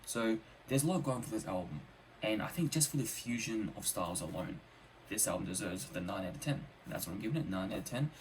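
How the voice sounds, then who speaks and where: Man, slightly low voice, casual album reviewer, enthusiastic, emphatic repetition, faint background noise. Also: lively intonation, quick pace, poor audio. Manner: enthusiastic, emphatic with repeated phrases. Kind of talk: casual spoken music review.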